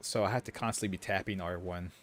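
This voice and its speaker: A man's voice: sits low, steady tone, quick pace, slight background noise. Rambling opinionated male gaming streamer. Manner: rambling, opinionated, wandering asides. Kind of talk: casual gameplay commentary.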